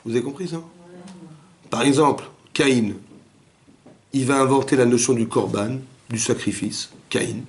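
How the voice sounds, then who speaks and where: A man, a rabbi, giving a Torah class in a family home, animated and asking his listeners rhetorical questions. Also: mid-range voice, measured pace, long pauses, slight background noise.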